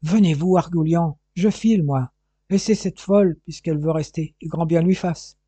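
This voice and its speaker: A man's voice: on the high side, mellow, breathy edge, dry recording. A man reading a sneering bossy bandit. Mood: scornful. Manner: sneering, commanding, hurried.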